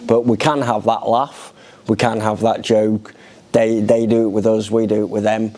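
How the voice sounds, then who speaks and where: A man's voice: fairly low pitch, level tone, normal speed, mellow. A middle-aged man with a British accent, talking conversationally about his own experience in an interview. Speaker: charity resident being interviewed. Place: indoor lounge, seated in an armchair.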